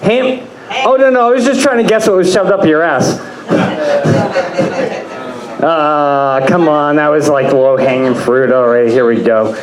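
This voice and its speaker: A man's voice: on the high side, a little slow, long pauses, a loud crowd. A man doing a stand-up comedy set on a club stage, rambling and crude, often laughing at his own jokes. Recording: echoey club room.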